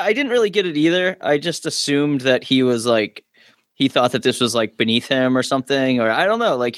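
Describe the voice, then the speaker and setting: Male podcast panelist, average pitch, dry recording, casual rambling talk with hesitant filler-filled phrasing. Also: no room sound. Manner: loose, hesitant phrasing with many 'like' fillers. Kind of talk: casual chat.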